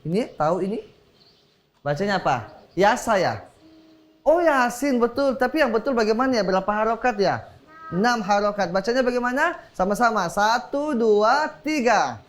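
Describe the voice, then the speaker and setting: In a TV studio, a man with a high-pitched, animated voice teaches children religion at a moderate pace, leaving long pauses. He quizzes them, leads call-and-response, and exclaims encouraging praise often.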